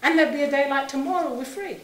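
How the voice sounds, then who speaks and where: A woman's voice: high voice, fast talker. A middle-aged woman from Saint Kitts who moved to England as a child, giving an impassioned public talk in an emphatic, rhetorical manner with repetition and pointed questions. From Saint Kitts in the Caribbean, moved to England aged seven. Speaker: public speaker. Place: indoor room, speaking to an audience. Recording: roomy, echoing live talk.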